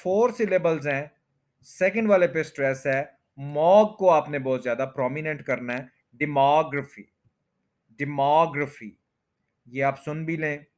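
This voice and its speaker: A man teaching English word stress in a slow explanatory lesson, repeating each word and stretching its syllables. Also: fairly high pitch. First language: Urdu or Hindi.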